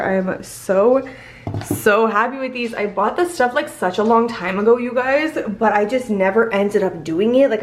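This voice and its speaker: A woman's voice: mid-range voice, slight background noise. A young woman in her twenties chatting casually to camera in her apartment, full of "like"s, her voice still groggy from just waking up. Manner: chatty, filler-heavy with many "like"s. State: morning voice, just woke up. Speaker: vlogger. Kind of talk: casual vlog chat.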